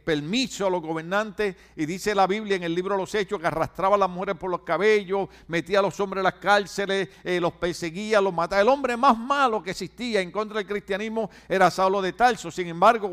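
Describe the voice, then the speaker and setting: A man preaching as a pastor, drawing out key phrases slowly and having the congregation repeat words back to him. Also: high voice, a bit bright, clear, resonant tone. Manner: preaching with call-and-response to the congregation. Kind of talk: sermon.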